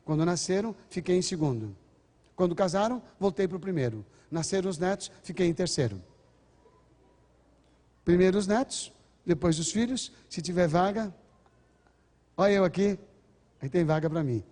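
An older man gives an earnest parenting lecture to a big crowd, now and then acting out what parents and children say to each other. His voice sits a bit high but sounds mellow and dark. A long reverb trails after his words in the hall. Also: lively intonation, moderate pace, long pauses. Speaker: speaker on parenting. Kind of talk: lecture to a large audience.

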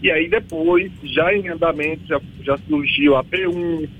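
A man from the backlands of Bahia with a Bahian Brazilian accent and a husky voice, explaining as an expert guest in an informal, emphatic way. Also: a little high, fairly even intonation, measured pace, phone-quality sound. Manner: emphatic, colloquial, checks listener understands. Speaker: vaccine researcher, interview guest.

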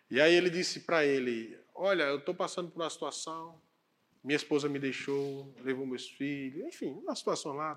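A man preaching a sermon, telling a story and acting out its dialogue in an animated way. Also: fairly high pitch. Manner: animated, acts out dialogue, shouts punchlines.

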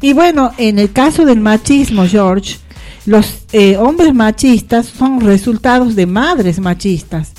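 Mellow woman radio host. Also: a little high, expressive, takes it slowly, faint music behind. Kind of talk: radio talk show.

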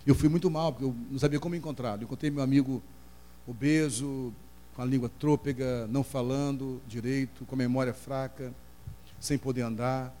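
A middle-aged Brazilian man preaching a sermon as pastor, telling an emotional story and crying out in high voices as he acts out the people in it. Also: steady tone, a little fast, mellow. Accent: Brazilian Portuguese. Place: church hall. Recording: long hall reverb, faint hum.

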